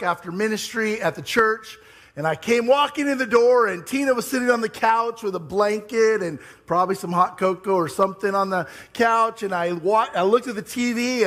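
A man in his thirties preaches from a church sanctuary, his voice pitched notably high for a man. He tells stories with lively, animated delivery, then settles into earnest sermon talk. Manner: animated storytelling, high-pitched and wailing when retelling his tears. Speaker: pastor.

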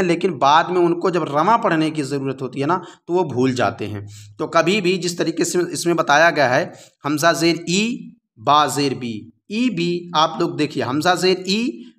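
A man teaching Quran reading, drilling letters slowly and asking and answering his own questions. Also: fairly high pitch, fairly bright tone. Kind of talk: slow recitation lesson with drills.

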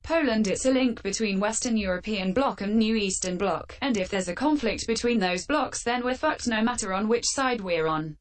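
A woman hosting a fan Q&A with sarcastic, deadpan answers, her voice run through a metallic filter. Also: mid-range voice, normal speed, few pauses. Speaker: channel host answering fan questions. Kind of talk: scripted comedic Q&A.

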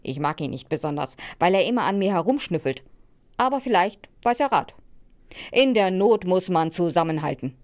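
A woman voicing an old house door in a storybook, with a rasping voice and a pompous, formal manner. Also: on the low side, expressive, normal speed, darkish tone, lightly acted. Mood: fussy.

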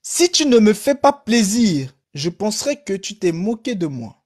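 Slow solemn priest, coaxing, lively pitch, man reading it. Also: full character voice. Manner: solemn, urging.

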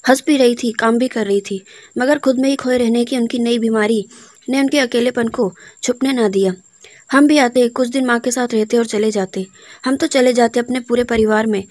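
A woman narrating an emotional first-person story about her mother in a soft, heartfelt and reflective way. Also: on the high side, no room sound. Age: adult, married daughter.

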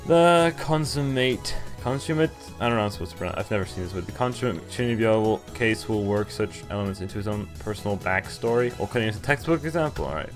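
With soft music playing behind him, a young man streams a game from an indoor room via webcam, commenting casually and reading on-screen text aloud. His lowish voice is animated, though he halts and stumbles a bit as he reads. He's a young adult.

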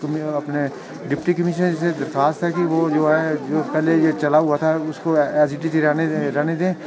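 Older Indian man, halting street interview. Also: a little high, level tone, poor audio. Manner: earnest, halting with restarts. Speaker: interviewed resident. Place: market street outdoors. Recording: busy street crowd noise. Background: street crowd.

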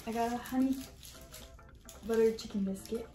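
A woman's voice: fairly high pitch, normal speed, mellow. A young woman chatting casually as a guest in an eating video, in a laid-back way. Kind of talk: casual chat. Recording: roomy echo with clear background noise.

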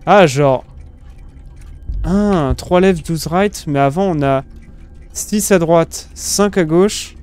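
Young male streamer, slightly high voice, unhurried pace, slangy casual play-by-play. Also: a little mellow, clean tone. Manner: slangy, swearing, thinking aloud. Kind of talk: casual gameplay commentary. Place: small room with gaming setup, indoors. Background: game music.

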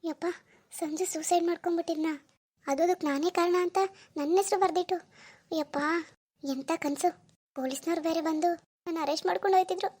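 A woman voicing an unhappy young village woman in a cartoon, speaking in a very high, thin voice. She mutters softly and gloomily to herself. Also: steady tone, fast. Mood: gloomy. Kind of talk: cartoon voice acting.

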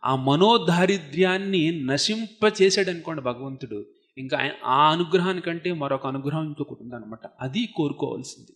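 High-voiced man giving a devotional talk. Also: moderate pace, fairly bright tone. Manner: explanatory, asks the listeners rhetorical questions; recites Sanskrit verses between explanations. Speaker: monk giving a spiritual talk. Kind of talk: devotional discourse to a seated audience.

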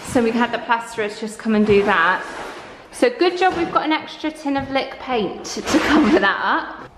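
A woman in her twenties giving a chatty, excitable house-tour vlog of her renovated bathroom, filmed on a handheld camera. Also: a little high, moderate pace, noisy background. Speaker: vlogger. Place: empty bathroom under renovation, indoors. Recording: echoey bare room.

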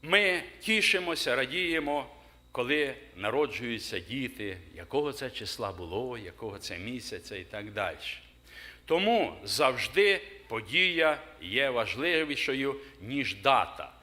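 A middle-aged male pastor delivering a sermon in a church hall. He speaks slowly, and his pitch rises and falls a great deal. His tone is bright, and he pauses often for emphasis and puts questions to the congregation. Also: animated.

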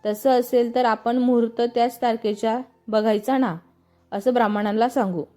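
A woman reading a family story aloud, giving the narration and every character's lines in the same even storytelling voice. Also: on the high side, normal speed, faint music behind.

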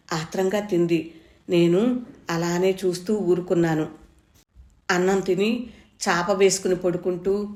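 A woman's voice: fairly low pitch, a little mellow. Storyteller woman in an echoey room. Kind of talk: reading a story aloud.

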